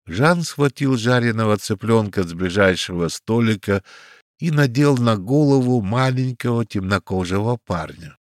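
Male audiobook narrator, low voice, dry close recording. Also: moderate pace, no echo. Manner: steady storytelling. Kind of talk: scripted narration.

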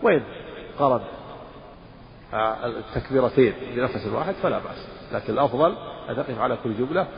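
A man's voice: medium pitch, quick pace, creaky, pauses often, slight background noise. A man, an Islamic scholar, teaching a religious lesson, explaining rules and briefly intoning the phrases he discusses. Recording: dull lo-fi audio with long hall reverb.

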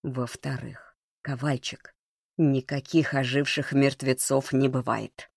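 A man reading a storybook plays a cold, mocking young man who speaks in a low, measured way. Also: flat delivery, gravelly, dry recording, studio quality.

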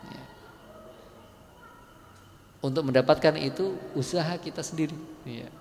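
A male preacher giving a storytelling sermon, rising to emphatic peaks and dropping soft for quoted speech. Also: fairly high pitch, unhurried, creaky, a little hiss or hum. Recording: long hall reverb.

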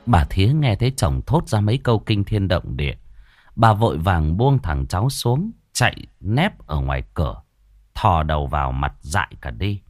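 Male storyteller, dramatic horror narration, lively intonation, dry close recording. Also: low voice, moderate pace, dry recording, faint music behind. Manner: vivid, expressive telling.

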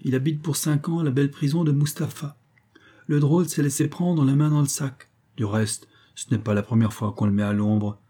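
A man's voice: medium pitch, steady tone, moderate pace, dark tone, voice pushed up, natural voice. A man reading the part of a jovial, mocking middle-aged sea captain in an audiobook. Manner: laughing, mocking, familiar.

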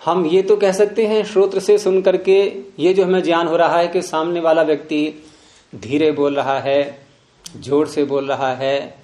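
A man's voice: a little high, darkish tone, reverberant. A man teaching philosophy to a class, often prompting students with questions. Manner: questioning, repeatedly prompting with "hmm?". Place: room with students present.

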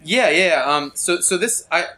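A man with a bright, sharp voice, reacting in short bursts and asking hesitant questions. His pitch moves around a lot within a loose, casual exchange. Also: animated, unhurried. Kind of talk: casual comedic banter.

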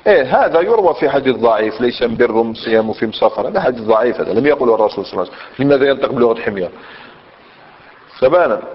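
A man teaching a classroom grammar lesson, explaining step by step, repeating words and checking in with his students. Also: medium pitch. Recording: muffled lecture recording with long hall reverb.

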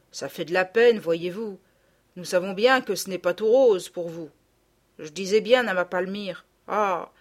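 A woman's voice: medium pitch, close to an everyday voice. A woman voicing a middle-aged peasant gardener woman who scolds and gossips in blunt rustic speech, read as an audiobook character.

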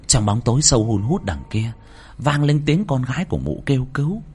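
A man's voice: mid-range voice, sing-song, brisk, darkish tone, a little hiss or hum. A man reading a horror story aloud in a dramatic, swinging delivery, with faint music underneath. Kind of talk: scripted horror narration.

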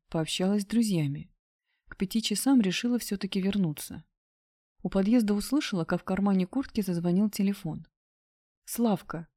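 A woman narrating a first-person story in a steady, subdued reading voice. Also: mid-range voice. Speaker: audiobook narrator.

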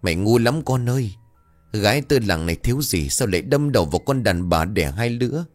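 A man's voice: fairly low pitch, expressive, a little fast, darkish tone, soft background music. A man voicing an anxious village wife and mother who speaks in a trembling, pleading way. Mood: fretful.

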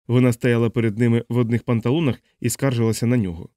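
Man, audiobook narration, brisk, mid-pitched, dry close mic. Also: no echo. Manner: brisk, expressive storytelling. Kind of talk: scripted narration.

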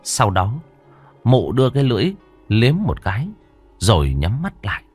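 A man reading a horror story aloud in a dramatic, expressive way. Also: fairly low pitch, moderate pace, husky, faint music behind. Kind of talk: scripted horror story narration.

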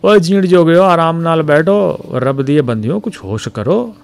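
Brief: male narrator as an elderly Punjabi woman, high, slow, pleading. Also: lively intonation, gravelly, faint music behind. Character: old woman pleading for calm.

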